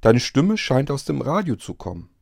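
Man, casual storyteller, hesitant and rambling, mellow tone, close dry sound. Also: mid-range voice, sing-song, moderate pace, creaky, breathy edge, no room sound. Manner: rambling, hesitant, many fillers and restarts. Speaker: vlogger telling of a strange event. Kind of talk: casual spoken account.

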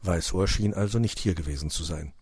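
A man narrating a children's storybook in a calm, low-key way. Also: brisk, slightly rough, no echo.

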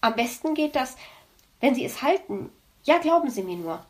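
A woman's voice: high-pitched, big pitch swings, moderate pace, darkish tone. A woman mocking a smug sweet-talking fox. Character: smug male fox, condescending and teasing.

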